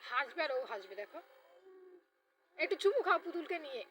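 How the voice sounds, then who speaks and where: High bright sing-song woman coaxing a baby. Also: sing-song, moderate pace. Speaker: caregiver talking to a baby. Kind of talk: baby talk.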